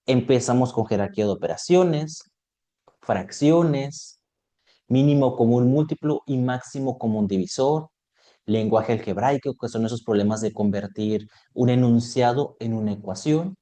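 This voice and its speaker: A man's voice: mid-range voice, a little slow, warm tone. A man teaching an online exam prep lesson, explaining topics step by step and checking in with his students.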